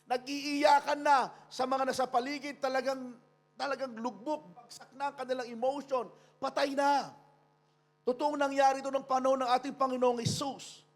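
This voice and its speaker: Filipino male pastor, very high voice, impassioned sermon delivery. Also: flat delivery, moderate pace. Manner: preaching in Tagalog mixed with English, rising to shouts. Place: church.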